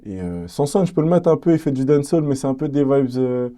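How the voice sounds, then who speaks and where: A young man from French Guiana with a French Guianese accent, a rapper chatting in an interview in a relaxed, hesitant way with many fillers. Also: mid-range voice, fast talker. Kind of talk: casual interview chat.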